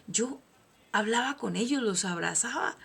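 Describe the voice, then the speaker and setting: This woman from Colombia, speaking with a Colombian accent, hosts a personal motivational monologue. She preaches emphatically, moving from soft asides to loud declarations. Her voice is on the high side, animated and unhurried, with a gravelly, slightly rough texture.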